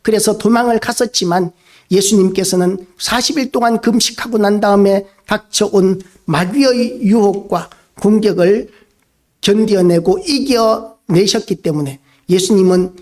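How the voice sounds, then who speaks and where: A man preaching a sermon as a pastor, earnest and steady, posing rhetorical questions to the congregation. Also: high voice, unhurried.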